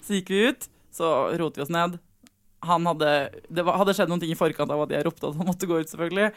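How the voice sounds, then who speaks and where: A woman hosts the talk and tells a frank, lively story about her own parenting. She laughs often and acts out the dialogue as she goes. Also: on the low side. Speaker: podcast host and parent. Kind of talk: casual chat, personal anecdotes.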